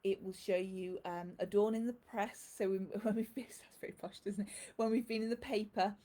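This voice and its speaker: Woman, live shop host, effusive and rambling, mid pitch. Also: fairly even intonation, normal speed, warm tone. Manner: chatty and effusive, greets viewers by name. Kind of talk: casual live-stream chat.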